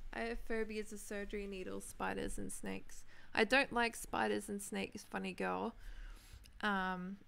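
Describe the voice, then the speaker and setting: Woman, 20s, Australian accent, casual gaming chat, rambling, answers viewers, gravelly edges. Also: medium pitch, a bit bright. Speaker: Minecraft streamer.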